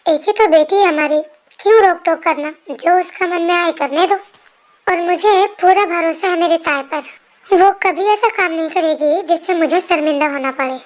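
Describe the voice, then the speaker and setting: A performer voicing a soft-hearted father who gently coaxes his daughter, in an amateur fan dub voice-over. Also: very high-pitched, normal speed. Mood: coaxing. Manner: gentle, coaxing.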